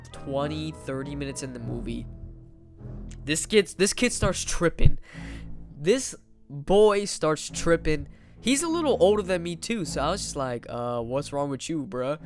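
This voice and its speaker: Young guy rambling a storytime. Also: a little high. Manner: rambling, slangy, lots of "like" and "bro". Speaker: vlogger. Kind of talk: casual storytime monologue.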